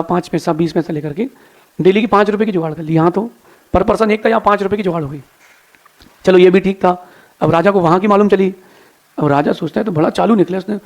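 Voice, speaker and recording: A man's voice: high-pitched, gravelly, a little mellow. A man telling a moral story and lecturing listeners in a folksy, preachy way. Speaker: spiritual speaker.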